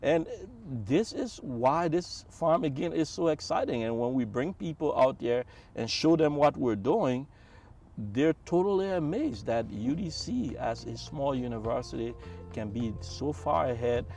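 A middle-aged man in an outdoor interview on a farm, explaining with animated gestures and enthusiasm. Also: mid-range voice, a little slow, recorded from a distance, soft background music. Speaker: farm researcher interviewed by the dean. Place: outdoors on a farm, seated on a bench.

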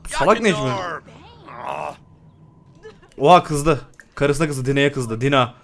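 A young man giving loud, excitable commentary while playing a life-simulation game, laughing and exclaiming often. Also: mid-range voice, a little slow. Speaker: gaming YouTuber. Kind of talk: excited let's-play commentary.

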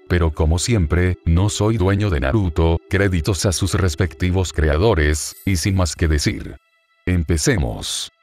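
A man reading his own fan fiction aloud in a relaxed, informal storytelling manner. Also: sits low. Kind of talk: casual read-aloud storytelling.

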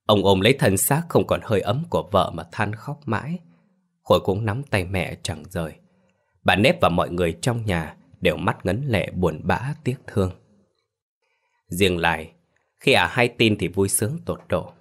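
Casual: guy with a really deep voice telling a creepy ghost story, slow and serious. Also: animated. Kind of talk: scripted ghost story narration.

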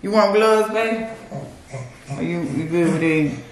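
A woman's voice: fairly low pitch, unhurried. Chatty young woman cooking in an echoey kitchen. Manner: chatty and laughing, talks to viewers as y'all. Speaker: vlogger cooking with her boyfriend. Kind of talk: casual cooking vlog chat. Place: home kitchen, indoors. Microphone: camera mic across the kitchen. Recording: echoey kitchen with loud background noise.

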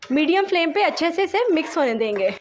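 A woman calmly talking through a home cooking recipe step by step, as a voice-over. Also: very high-pitched, fast talker, slight background noise. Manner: calm step-by-step instructions mixing English words. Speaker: home cooking channel host.

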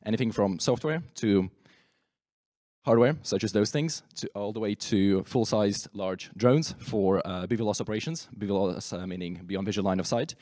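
A man from the United Kingdom giving a steady short pitch for his company from the audience, with many hesitations, on a handheld mic in a large chamber. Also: normal speed, no room sound, clean studio sound. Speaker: startup representative.

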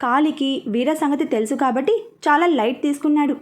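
A woman narrating a serialized audio story with an expressive reading. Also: sits high, fairly quick.

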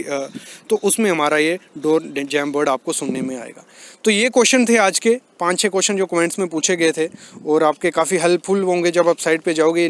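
A young man, a civil engineer, walking a building site with a phone camera and explaining construction terms step by step. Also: a little high.

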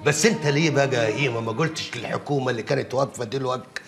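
An older Egyptian uncle calms and placates his relatives in a gravelly voice, played by an actor. He talks quickly and keeps soothing, and faint music sits under him. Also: medium pitch, lightly acted. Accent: Egyptian Arabic. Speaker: family uncle.

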